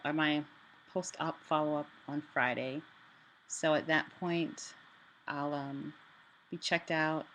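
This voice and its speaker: A woman giving a casual personal update in a halting way, her voice limited in range and altered by a sore, swollen throat after surgery. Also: low-pitched. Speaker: vlogger sharing a health update. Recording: clearly noisy room ambience.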